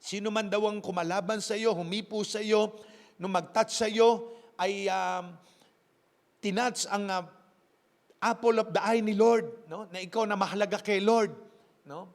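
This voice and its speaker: Filipino pastor guy, pretty high voice, preaching in a hall with long echo, keeps saying "no?". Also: steady tone, a little slow. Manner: mixes Tagalog and English, ends phrases with "no?". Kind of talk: sermon. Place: church.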